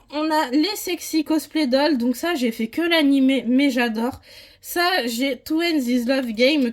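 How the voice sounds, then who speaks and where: A woman from France giving a casual, rambling tour of her manga collection, with frequent hesitations. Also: high-pitched.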